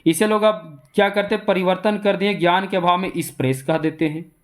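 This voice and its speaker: A man's voice: sits high, steady tone, brisk. A man with a Jharkhand Hindi accent teaching exam coaching in a classroom lecture style. He repeats his points and asks rhetorical questions that he answers himself.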